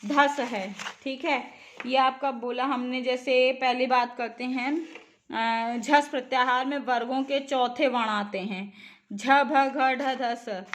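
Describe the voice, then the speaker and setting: High-voiced woman teaching a grammar lesson. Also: fairly even intonation, slow. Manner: repeats points and quizzes the viewer. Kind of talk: exam-prep grammar lesson.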